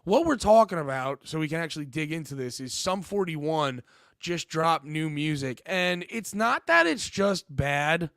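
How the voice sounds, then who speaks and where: A man co-hosting a casual podcast, a bit hoarse from losing his voice, talking in an animated way and swearing often. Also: on the high side, moderate pace, no echo, studio quality. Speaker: podcast co-host.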